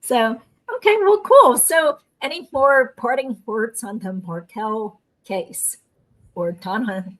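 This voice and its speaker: A woman with a fairly high voice speaks slowly over poor audio. She's a host and lawyer, chatting casually and upbeat while explaining court matters in a mix of easy conversation and legal commentary.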